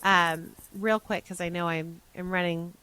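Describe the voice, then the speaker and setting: Young adult woman host, lower voice; thoughtful, rambling interviewer. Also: fairly even intonation, measured pace, bright, forceful tone, clean tone, rough recording. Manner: thoughtful, rambling questions with fillers. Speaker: podcast host. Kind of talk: conversational podcast interview.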